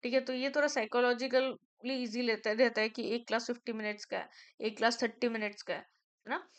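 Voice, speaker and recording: A young Indian woman teaching an online class, talking fast and repeating key terms to drill them in. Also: on the high side, fairly even intonation, clean tone. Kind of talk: online lecture mixing Hindi and English.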